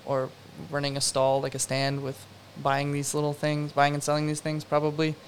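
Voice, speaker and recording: A man's voice: fairly high pitch, monotone, moderate pace, slight background noise. A young man, a production designer, answering interview questions in a rambling, casual way full of fillers and self-deprecating asides.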